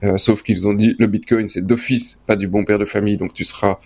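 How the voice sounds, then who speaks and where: Gravelly low man chatting. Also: steady tone, a little fast. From Belgium. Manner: rambling, full of fillers and casual slang. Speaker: co-host. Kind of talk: casual podcast chat.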